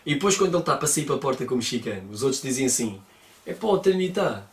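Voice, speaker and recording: A man's voice: mid-range voice, animated, very fast, a bit bright. Slangy man recapping a film. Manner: colloquial, slangy, acts out the scenes. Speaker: film reviewer. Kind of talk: casual scene-by-scene film retelling. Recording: roomy, distant mic.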